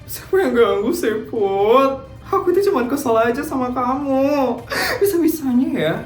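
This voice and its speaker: Woman doing a bratty rich cartoon schoolgirl, high squeaky voice, mocks everyone, echoey room. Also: lively intonation, normal speed, soft background music. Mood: taunting. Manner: taunting, giggly, loud. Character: spoiled boastful rich schoolgirl, mocking and jealous. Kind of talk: cartoon voice acting.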